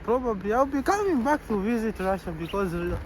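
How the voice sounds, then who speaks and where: A young man chats easily in an outdoor street interview. His voice sits a little high for a man. Faint street noise hums in the background. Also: expressive, fairly quick, poor audio. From Zambia. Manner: easygoing, chuckles between answers, repeats "yeah". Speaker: interviewee, medical student.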